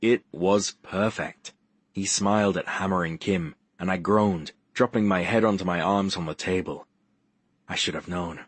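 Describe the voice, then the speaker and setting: A man's voice: sits low, steady tone, a little slow, dry recording. A man narrating a first-person audiobook with a wry, dry wit.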